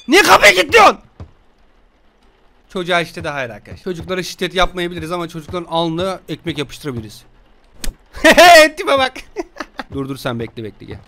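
A young man giving joking, casual let's-play commentary, scolding and teasing a game baby with rough slang. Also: a little high, a bit bright. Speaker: gaming streamer.

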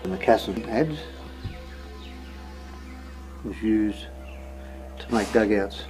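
A man's voice: on the low side, slow, darkish tone. Older Australian man, casual guide, faint music. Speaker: fishing and tour guide. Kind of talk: casual guiding commentary. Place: outdoors on a boat and among sandstone caves.

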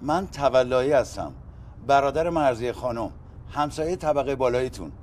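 A man's voice: mid-range voice, animated, darkish tone, slight background noise, close to an everyday voice. An actor playing a polite middle-aged man who speaks formally at a neighbor's door. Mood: polite, worried.

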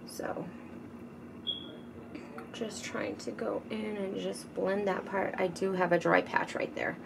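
Slow-talking woman chatting over makeup. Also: mid-range voice, fairly even intonation, vocal fry. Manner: chatty, rambling, often drops to a soft murmur. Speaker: beauty vlogger. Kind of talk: casual makeup tutorial chat. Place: home. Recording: noticeable background noise. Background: teenager gaming loudly in the background.

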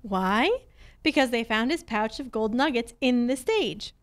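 A woman performs live on stage, reading a script as a wry, self-assured lady private eye in an old-time radio drama. Speaking into a handheld-style mic on a stand, she explains confidently in a slightly high voice with lively intonation and an unhurried pace.

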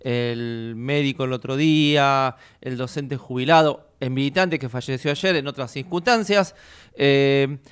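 A man's voice: mid-range voice, unhurried, clear, resonant tone. A middle-aged man hosting a radio interview over a video call, asking long questions with many fillers. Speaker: radio host.

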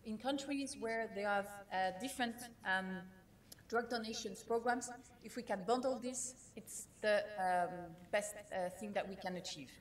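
A woman whose first language is not English, giving a conference keynote in a measured way, with frequent fillers and restarts. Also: mid-range voice. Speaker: keynote speaker.

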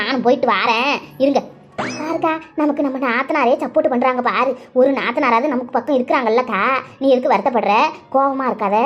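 A quarrelsome village woman from a cartoon, voiced by a woman, firing off taunts. Her voice sits high and the words tumble out fast. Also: lo-fi sound, lightly acted. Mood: consoling. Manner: scolding, rapid-fire taunts. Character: sharp-tongued quarrelsome village woman, loud and cutting. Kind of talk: cartoon voice acting.

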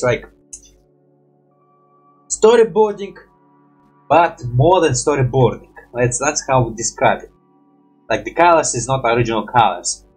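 A young man with a husky, medium-pitched voice hosts a reaction video from a small room at home. He reacts casually to animations, rambling hesitantly in non-native English and habitually dropping mild swear words.

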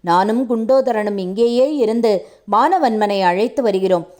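A stern, proud king speaks in measured, reproachful tones, as a woman narrator reads him. The voice sits at a middle pitch, and the part is delivered as a storybook reading. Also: a little mellow, close to an everyday voice. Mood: commanding. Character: stern proud male king, weary and wounded.

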